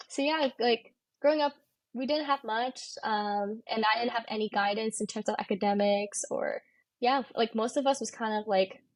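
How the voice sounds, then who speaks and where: Guesting on a podcast, this American woman in her twenties, a medical student from California, talks in a loose, candid way and says "like" a lot. Her voice runs on the high side, recorded dry.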